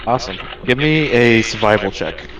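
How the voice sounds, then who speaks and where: A man narrating a tabletop game as game master, improvising and pausing to find words. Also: medium pitch, lively intonation, a bit bright, slight background noise. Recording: distant microphone.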